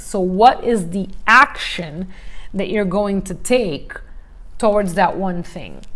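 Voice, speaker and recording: A middle-aged woman leading a motivational workshop in a conversational way, asking rhetorical questions and acting out examples. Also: medium pitch. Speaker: coach.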